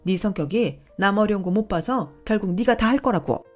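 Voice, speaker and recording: A woman voicing a domineering older mother-in-law who scolds in a booming, condescending voice. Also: expressive, brisk, a little mellow, faint music behind, lightly acted. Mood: scolding.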